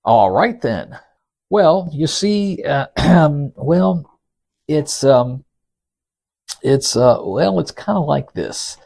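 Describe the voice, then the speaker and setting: Speaking very slowly and with great animation, this man has a slightly high, creaky, somewhat mellow voice. He hosts and narrates a podcast, delivering scripted stories and quotes conversationally and folksily while teasing the listener.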